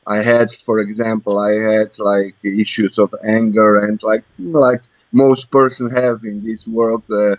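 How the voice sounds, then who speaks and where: A man with a Croatian accent calls in over a muffled internet connection, his voice on the low side with little pitch movement and no echo. Unhurried and with few pauses, he still gropes for words in this casual, personal conversation.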